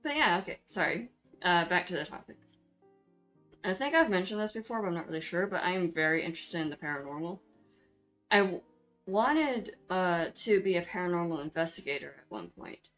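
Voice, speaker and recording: A woman with a slightly low voice narrates her video in an informal, chatty style. She is hesitant and self-deprecating, often apologetic in the way she talks. Music plays behind her voice. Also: animated, brisk, a bit bright, rough recording. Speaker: video creator hosting a drawing speedpaint. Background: background music.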